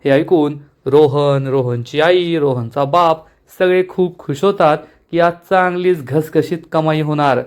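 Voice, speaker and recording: A man narrating a TV serial episode recap in an animated, dramatic storytelling way. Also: a little high, unhurried, few pauses, clear, resonant tone.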